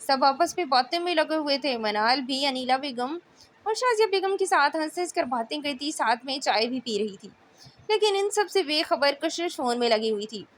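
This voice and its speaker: A woman narrating a romance novel in a steady storytelling manner. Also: high-pitched, moderate pace, a little hiss or hum. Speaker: audiobook narrator.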